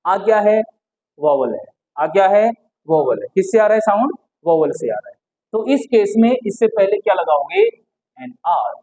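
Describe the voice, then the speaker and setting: A teacher giving a lesson, who keeps asking a question and answering it at once and repeats key words slowly. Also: medium pitch, sing-song, mellow, rough recording. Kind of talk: explanatory lesson.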